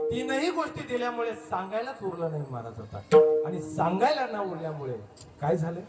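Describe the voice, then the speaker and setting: A man from Maharashtra preaching a devotional sermon, putting question after question to his listeners. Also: high-pitched. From Maharashtra, India. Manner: preaching with rhetorical questions to the crowd. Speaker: kirtan preacher. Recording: echoey, distant mic with faint music.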